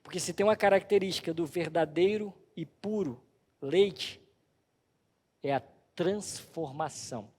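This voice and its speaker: High-pitched male pastor, emphatic sermon in a reverberant church. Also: a little slow, a little mellow, slightly rough. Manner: storytelling, emphatic.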